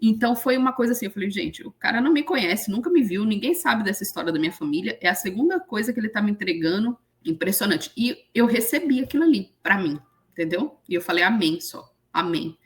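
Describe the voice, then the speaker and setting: Woman, thirties, emotional storytelling, animated, acts out quotes, interview guest. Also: mid-range voice, fast talker. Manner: animated retelling with acted quotes.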